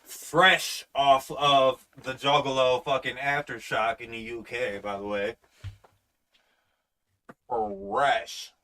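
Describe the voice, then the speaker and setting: A man's voice: mid-range voice, steady tone, unhurried, hardly any pauses, sharp tone. A young man co-hosting a casual podcast, cursing freely and joking through the banter. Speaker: co-host.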